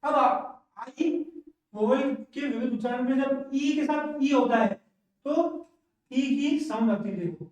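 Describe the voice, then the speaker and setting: A man teaching English pronunciation in a classroom lesson, slowly repeating each word twice for learners to echo. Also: very high voice. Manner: says each word twice, slow drilling. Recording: very echoey room, voice from far off.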